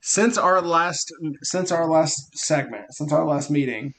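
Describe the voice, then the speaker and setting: Thirties guy on a podcast, telling funny stories, voice a bit on the high side. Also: measured pace. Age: 30s. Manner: lively storyteller who laughs at his own tales. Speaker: podcast co-host. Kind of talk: casual chat.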